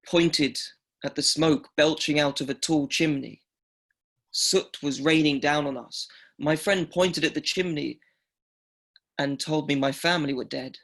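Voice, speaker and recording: An actor playing an elderly male Holocaust survivor from Greece, speaking slowly and haltingly and repeating himself. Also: a little high, a bit bright. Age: older. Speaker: survivor telling his story. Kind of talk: radio documentary drama.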